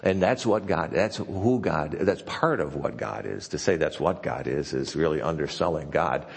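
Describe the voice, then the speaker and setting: A low-voiced male pastor preaches in a folksy, chatty manner, stumbling and restarting as he goes. His voice is gravelly and a little husky. A long reverb from a church hall trails behind each phrase. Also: expressive, moderate pace. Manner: conversational and folksy, with frequent restarts. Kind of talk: sermon. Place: church sanctuary.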